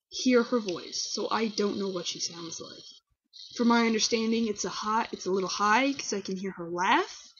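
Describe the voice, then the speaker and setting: A woman's voice: a little high, breathy edge. A young woman answering viewer questions in a candid, rambling, casual chat and telling stories. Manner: candid, rambling, animated storytelling. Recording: dull lo-fi webcam audio.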